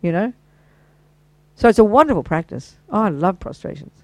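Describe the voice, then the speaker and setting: An older Buddhist teacher giving an informal, chatty dharma talk to a small group, enthusiastic and quick with praise and asides. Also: mid-range voice, big pitch swings, darkish tone, no room sound, low-quality recording.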